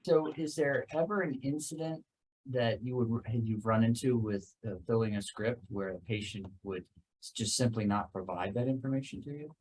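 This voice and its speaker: A man's voice: mid-range voice, normal speed, darkish tone, slight background noise, rough recording. A man chairing a remote work meeting, asking hesitant questions and often restarting them. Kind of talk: leading a work meeting discussion.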